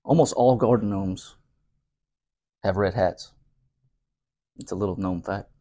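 A man in his forties telling dad jokes in a deadpan bantering style, recorded on a lapel mic. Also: low-pitched, unhurried. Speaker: fire battalion chief. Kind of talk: deadpan joke challenge banter. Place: indoor studio setup with cloth backdrop. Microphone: clip-on lapel mic.

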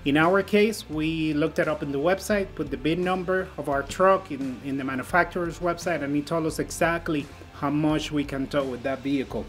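A talkative man with a slightly raised voice, reviewing a product for his travel vlog. He speaks loosely and jokes along the way, with soft music faint in the background. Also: fairly high pitch, moderate pace, few pauses. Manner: chatty, joking, informal with fillers. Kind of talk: casual product review talk.

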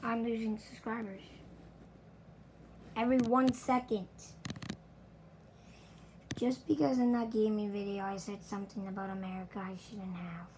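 A woman's voice: medium pitch, flat delivery, normal speed, pauses often, darkish tone, slight background noise. A woman YouTuber making an apology video, distressed and sighing as she pleads her apologies.

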